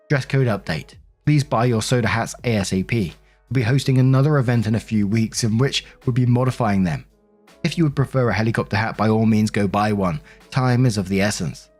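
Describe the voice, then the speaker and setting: In a mid-range, darkish voice, a man gives a lightly acted dramatic reading of social media posts written by a bossy, indignant bride. His delivery is emphatic and self-righteous.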